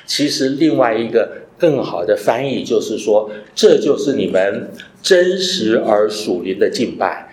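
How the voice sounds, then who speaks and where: This pastor's voice is mid-range and a touch mellow, and the room around him echoes. Throughout his sermon he instructs the congregation, asks them rhetorical questions, and works in bits of English.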